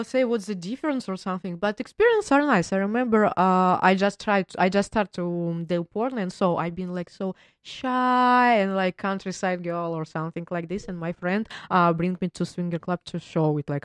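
A woman from Russia with a Russian accent, chatting casually as an interview guest in halting, non-native English. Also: lowish voice, clear, resonant tone, no room sound, clean studio sound. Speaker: interview guest, adult performer.

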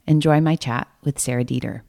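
A woman's voice: very deep voice, fairly quick, gravelly, mellow. A woman hosting a podcast from her home, chatting casually and asking upbeat follow-up questions. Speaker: podcast host. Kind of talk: casual interview chat.

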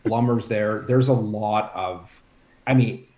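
A man's voice: on the low side, slow, a little mellow. A man in his forties, a guest on a podcast, explaining things in an easygoing, rambling way. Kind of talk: casual chat. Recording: roomy echo.

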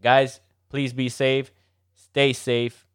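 A man's voice: medium pitch, level tone, extremely slow, a bit bright, clean tone. A man with a Miami Cuban accent co-hosting a casual chat, joking and switching between English and Spanish. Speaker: podcast co-host.

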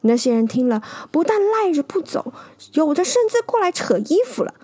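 High-voiced woman reading a storybook. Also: moderate pace. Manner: lively, animated read-aloud with small fillers. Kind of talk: storybook narration.

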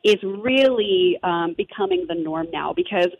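A woman's voice: medium pitch, a little slow, slightly rough, phone-quality sound. A woman in her thirties with a New Jersey accent, talking eagerly as an interview guest, full of fillers and asides. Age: 30s. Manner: enthusiastic, rambling with fillers. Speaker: guest, holistic health advocate. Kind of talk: conversational interview.

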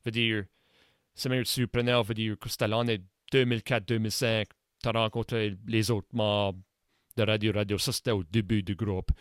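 A man hosting a podcast, speaking quietly and mixing English fillers into his French. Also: on the low side, little pitch movement, moderate pace, clean tone, no echo, studio quality. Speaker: podcast host. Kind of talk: casual interview chat.

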